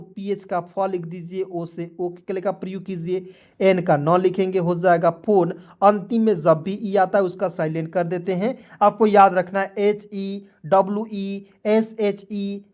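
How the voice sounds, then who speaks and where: Man spelling English words out slowly. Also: sits high, a little mellow. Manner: spells words out letter by letter, repeats them slowly; constantly addresses viewers as friends, checking "clear?". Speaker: English teacher. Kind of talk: online spelling and pronunciation lesson.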